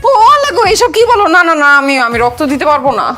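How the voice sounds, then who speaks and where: An actress playing a fearful, stingy young wife who protests with whiny, dramatic complaints. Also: female voice, high voice, very animated, racing, bright, forceful tone, faint music behind, heavily acted. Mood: scared protest. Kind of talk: TV drama acting.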